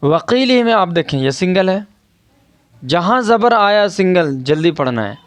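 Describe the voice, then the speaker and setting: A man teaches Quran reading online, speaking in a smooth, resonant, slightly high voice. He drills each syllable slowly and poses rhetorical questions to his students. The sound is close and dry, with no room echo. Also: very animated. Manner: patient, repeats and stretches out syllables for drilling.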